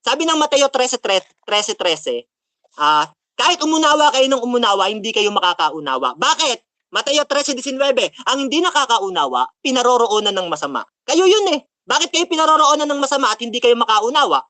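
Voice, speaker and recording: A man's voice: extremely high pitch, very animated, brisk, sharp tone, no room sound. A man giving a heated rant after a religious debate, mocking his opponent and quoting scripture between jabs. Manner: taunting, mocking, quotes Bible verses, laughs at opponent. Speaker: preacher speaking after a debate.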